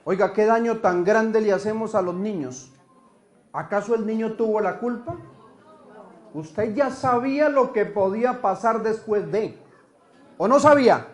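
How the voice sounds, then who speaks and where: High-pitched animated male preacher, echoey hall. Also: unhurried. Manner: animated storytelling, asks the congregation questions. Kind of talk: sermon.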